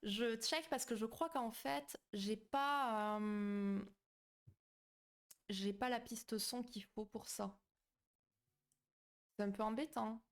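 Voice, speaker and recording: A woman's voice: fairly high pitch, fairly even intonation, takes it slowly, pauses often. Brief: woman streamer, casual, greets chat, hesitant "euh" delivery, on a home mic. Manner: chatty, warm toward viewers, many fillers and restarts. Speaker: psychology streamer hosting a live. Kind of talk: casual live-stream talk, reading chat.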